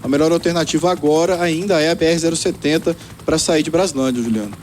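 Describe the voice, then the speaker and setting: A man with a Brazilian accent giving a live traffic report from the field in a conversational way, with fillers. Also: a little high. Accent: Brazilian Portuguese. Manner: fast, conversational, many fillers.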